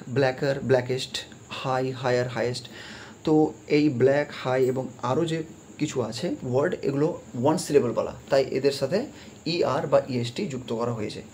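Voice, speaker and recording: A man explaining English grammar in a lesson. He talks it through with hesitant fillers, mixes English terms into his speech and reads example sentences out slowly. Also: medium pitch, darkish tone, a little hiss or hum. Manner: slow deliberate reading of English examples, mixing English terms into his talk.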